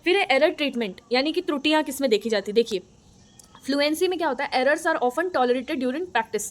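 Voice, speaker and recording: High-pitched woman teaching an exam class. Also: animated, brisk. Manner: explains step by step, restating each point with fillers. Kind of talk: exam-prep lecture.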